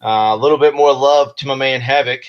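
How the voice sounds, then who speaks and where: A man's voice: medium pitch, steady tone, brisk, smooth. A man co-hosting over a video call, laid-back and swearing, with many restarts. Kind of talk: casual chat. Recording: dull lo-fi video call audio.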